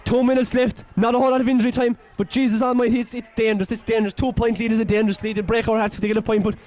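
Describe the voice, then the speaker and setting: An Irish man giving excitable, openly partisan live commentary on a local football match, shouting and nearly losing his voice. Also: very high-pitched, very fast.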